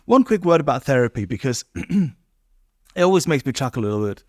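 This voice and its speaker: A man's voice: medium pitch, very animated, normal speed, dry recording, studio quality. A man hosting a podcast, reflecting thoughtfully and asking tag questions. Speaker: podcast host. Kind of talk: reflective interview talk.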